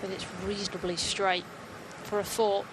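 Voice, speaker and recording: A woman's voice: medium pitch, little pitch movement, normal speed. A woman working as a golf commentator, giving conversational live analysis of play. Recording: outdoor broadcast with background noise.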